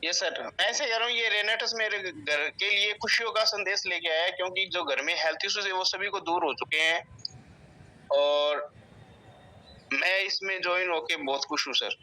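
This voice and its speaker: A man's voice: high-pitched, moderate pace, bright, forceful tone, distant mic. A man calling in over a crackly phone line that breaks up, politely giving a testimonial and calling the host sir. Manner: polite, says sir often. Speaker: caller.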